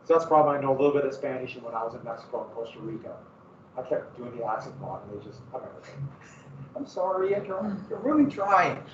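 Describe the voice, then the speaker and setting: A man with a Montana accent rambles casually through a classroom history lesson, often at his own expense. His mid-range voice moves fast with lively intonation. Slight background noise comes through in the dull, echoey, distant classroom recording.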